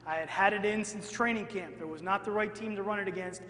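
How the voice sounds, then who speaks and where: A man, a football coach, giving an energetic clinic talk to an audience and often asking "all right?" as he goes. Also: high-pitched, fast talker. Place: large hall at a clinic. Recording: echoey hall, long reverb.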